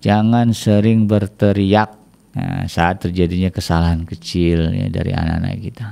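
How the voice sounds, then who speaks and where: A man giving casual religious advice on family life, chatty, with many small "ya" tags and lively acted-out complaints. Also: deep voice, normal speed, creaky. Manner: chatty, peppers speech with "ya", acts out quoted complaints in a raised voice. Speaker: Islamic family speaker.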